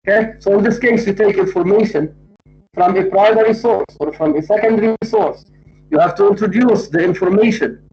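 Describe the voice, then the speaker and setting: This male lecturer's voice sits high and has a darkish tone, recorded as dull lo-fi audio. A native Arabic speaker with a matching accent, he teaches academic writing at university level emphatically and didactically, restating and spelling out the main ideas.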